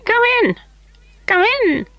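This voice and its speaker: A woman reading a storybook puts on the voice of a squeaky, sly little elfin man, teasing in a high, creaky voice whose pitch swoops wildly up and down. He chuckles and talks quickly, a full character voice. The lo-fi sound is close and dry, with no room sound.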